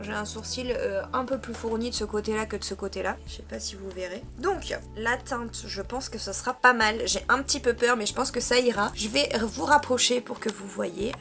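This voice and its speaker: A woman's voice: on the high side, a little fast, vocal fry, few pauses, over music. A young woman from France in a casual makeup vlog, talking in a chatty way with many hesitations while she applies products. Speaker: beauty vlogger.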